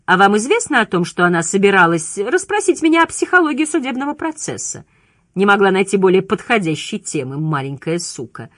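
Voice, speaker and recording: A woman's voice: medium pitch, very animated, fairly quick, a bit bright, no room sound, clean studio sound. A woman voicing a menacing, cruel male killer who jeers and mocks in an audiobook reading. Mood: taunting. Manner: jeering, mocking taunts.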